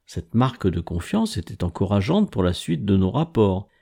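A man reading a literary story aloud in a measured, composed first-person narration. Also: lowish voice, big pitch swings, warm tone. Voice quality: gravelly. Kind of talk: scripted audiobook narration.

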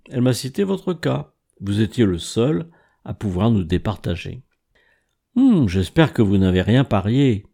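A man reading a literary story aloud in a measured, composed first-person narration. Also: fairly low pitch, dark tone. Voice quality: gravelly. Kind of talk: scripted audiobook narration.

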